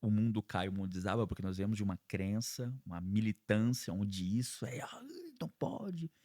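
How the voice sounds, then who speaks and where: Mellow Brazilian man hosting a podcast. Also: on the low side. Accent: Brazilian Portuguese. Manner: relaxed, conversational, chimes in with quick agreement. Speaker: podcast host. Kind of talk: casual interview chat.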